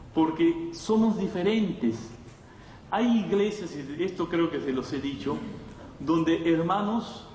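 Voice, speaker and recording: This sermon comes from a man with a highish, darkish-toned voice who teaches in a conversational, didactic way, leaning on rhetorical questions and frequent check-ins with the congregation. The sound is echoey, recorded from afar in a hall with faint noise.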